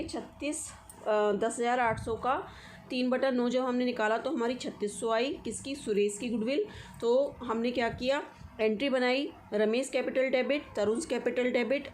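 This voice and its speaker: On the high side, with a little hiss or hum in the audio, a woman leads an accounting walkthrough as a commerce teacher. She goes step by step and frequently checks that students are following.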